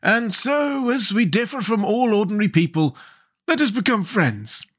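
A male reader puts on a fussy scarecrow king for a storybook, pitched very high and swinging widely up and down. He is stately, wordy and admonishing, a pompous ruler who is easily bewildered. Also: very animated, moderate pace, a bit bright, heavily acted. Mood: mild, amiable. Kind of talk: storybook character voice.

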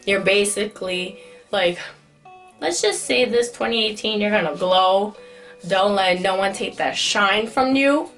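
A young beauty vlogger talks viewers through a makeup look at home, her voice roughened by a cold. She is chatty and self-mocking, with an everyday mid-range pitch, and faint music plays softly underneath. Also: a little slow. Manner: chatty, loose and joking. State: hoarse from a cold. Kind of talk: casual makeup tutorial. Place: indoors at home in winter.

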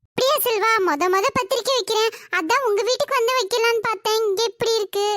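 A woman's voice: very high-pitched, quick pace, fairly bright tone, no echo, studio quality. A woman voicing a greedy, scheming sister-in-law in a cartoon, talking in a fussy, fretful way. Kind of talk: cartoon voice acting.

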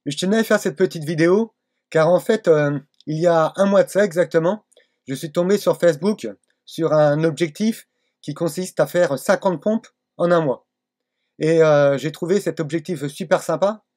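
A man's voice: a little high, a little mellow. A middle-aged man talking casually to camera as a vlogger, hesitant and repeating his phrases. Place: small attic room at home.

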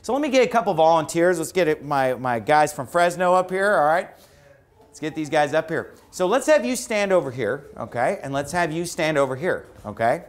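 High-voiced emphatic preaching man. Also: lively intonation, fairly quick. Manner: emphatic, argumentative, mocks opposing views in raised voice. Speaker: pastor. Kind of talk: preaching a sermon. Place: church sanctuary.

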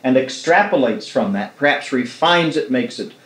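A man's voice: medium pitch, animated, normal speed, a bit bright, echoey room. A man interviewing an author, musing at length about novels, heard on an old 1969 tape recording. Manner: reflective, long winding literary remarks. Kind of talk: conversational discussion.

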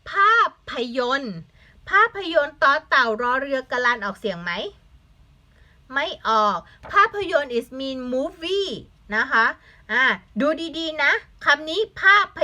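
A young woman teaches children, her voice bright and a little high. She spells each word letter by letter, patiently asks the class for answers, and slips in short English glosses. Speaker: Thai language teacher. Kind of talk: online language lesson for children.

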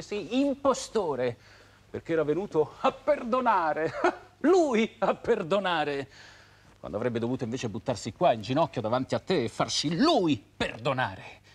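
A man's voice: on the high side, big pitch swings, moderate pace, hardly any pauses, slightly rough. An actor playing a desperate, lovesick middle-aged man, pleading and overwrought, in a stage play recording. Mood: anguished. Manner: pleading, overwrought, swings loud to soft.

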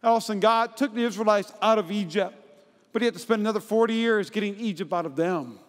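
A man in his thirties delivers a lively, joking sermon with a very high-pitched voice. His words ring out with long reverb through a church hall. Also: fast. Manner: energetic, jokey, rhetorical asides. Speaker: pastor. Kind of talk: sermon with comic storytelling. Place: church auditorium.

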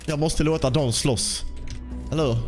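A man commentating his own gameplay as a gaming youtuber, frustrated and swearing, mixing in English words. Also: fairly high pitch. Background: game music and gunfire.

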